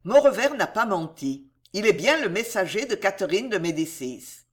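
This audiobook narrator gives a historical novel a slow, theatrical storytelling treatment. The voice is mid-range, sing-song and a bit bright.

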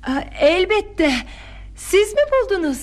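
A young actress playing a calm, playfully confident daughter in a classic radio play. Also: female voice, a little high, brisk, lightly acted. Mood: eager, polite. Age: young adult. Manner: calm, teasing, self-assured. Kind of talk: 1960s Turkish radio theatre acting.

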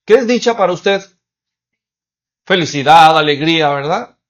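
High-voiced man preaching an expository sermon. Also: animated, unhurried, fairly bright tone. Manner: asks the congregation questions and answers them; acts out quoted voices in small scenes. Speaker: pastor.

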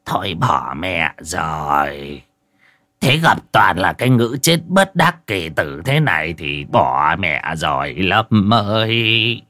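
A man voicing a timid, cowardly old sorcerer who mutters slowly in fear. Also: fairly low pitch, animated, breathy edge, no room sound, studio quality, heavily acted. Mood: fearful muttering. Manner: slow, muttering, fearful.

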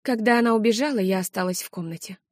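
A woman narrates an audiobook in the first person, steady and expressive. Her voice sits in a middle pitch. The recording is dry and close, with no room sound. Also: fast talker, no echo.

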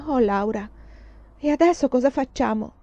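A woman's voice: fairly high pitch, big pitch swings, fast, dark tone. A woman doing a frightened little girl. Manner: anxious and pleading. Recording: dull, dry lo-fi recording.

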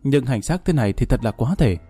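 A man narrating a ghost story in a steady, measured reading. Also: medium pitch, husky, soft background music.

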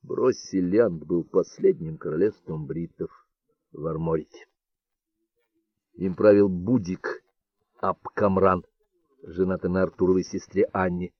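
Low-voiced male audiobook narrator. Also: steady tone, a little slow, long pauses, no echo, lo-fi sound. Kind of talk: scripted narration.

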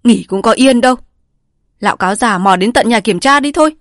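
A woman reader voicing a cornered village husband who hisses low, clipped threats at his wife. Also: fairly quick, no echo, studio quality, natural voice. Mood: hissing threat.

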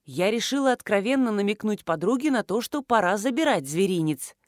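A woman's voice: mid-range voice, lively intonation, brisk, dry recording, studio quality. A woman narrating a first-person audiobook with wry, ironic storytelling.

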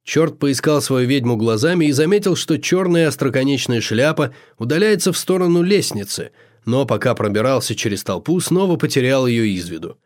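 A man reading an audiobook in measured, expressive scripted narration. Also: mid-range voice.

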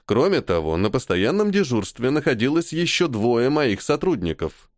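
A man's voice: mid-range voice, very animated, normal speed, dry recording, studio quality, lightly acted. A man reading an audiobook and voicing a gloomy, stubborn army major who answers his superior with barbed sarcasm. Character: stubborn, caustic male army major, subordinate officer. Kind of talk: audiobook character voice.

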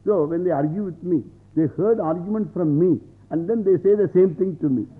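South Indian swami teaching, thin phone-like sound. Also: male voice, high-pitched, fairly quick. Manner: repeats phrases, explains word by word, argues with rhetorical questions. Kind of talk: scriptural lecture with Sanskrit quotations explained in English.

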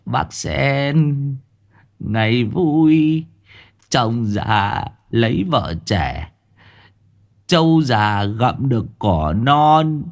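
A man's voice: mid-range voice, expressive, extremely slow, gravelly, voice pushed up, full character voice. Brief: man playing giggling village fool in a spoken ghost story, lilting and odd. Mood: teasing.

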